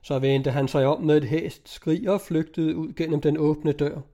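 A man reading an old-fashioned novel aloud in an even, storytelling manner. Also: on the high side. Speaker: audiobook reader.

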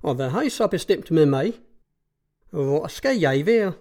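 A man's voice: on the high side, expressive, darkish tone. A man reading an audiobook and voicing a sour, spiteful old mother in a peevish, scornful way. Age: over 60. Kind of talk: audiobook narration.

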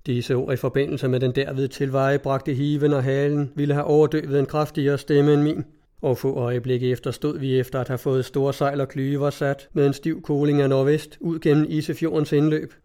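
A man reading a classic sea novel aloud in an even, measured storytelling manner. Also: mid-range voice. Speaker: audiobook narrator.

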